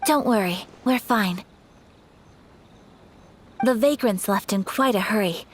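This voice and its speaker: A woman's voice: mid-range voice, takes it slowly, slight background noise, natural voice. A woman voicing a refined, dutiful young noblewoman in a video game, speaking with formal, courteous diction. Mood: composed.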